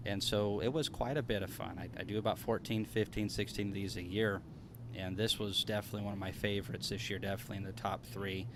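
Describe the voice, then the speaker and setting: A man appears as a guest, a conference speaker and livestream guest, chatting casually in a folksy, joking way. His lowish voice is steady and fast, with some background noise.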